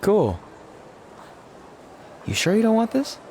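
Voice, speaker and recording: An actor playing a goofy, paranoid young male wrestler in a video game, excitable and jokey, mangling his words. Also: high-pitched, takes it slowly, slight background noise, exaggerated voice.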